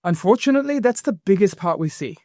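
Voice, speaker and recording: Clean studio audio with no echo captures this high-voiced New Zealander. As a property investment founder guesting on a casual interview, he talks with lots of energy, rattling through explanations with filler words.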